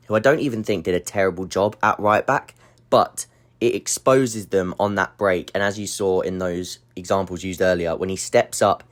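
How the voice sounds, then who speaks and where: A man hosting a football analysis channel, explaining tactics step by step in a voice-over, slightly breathless. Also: deep voice.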